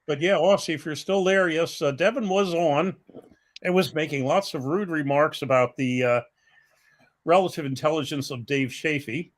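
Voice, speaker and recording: An older man co-hosting a casual live stream, talking in a halting, rambling, self-deprecating way. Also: fairly high pitch.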